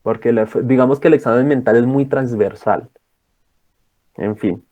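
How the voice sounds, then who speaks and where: A man's voice: medium pitch, normal speed, dark tone, lo-fi sound. A young man tutoring students in a casual lecture, rambling and checking in with his listeners.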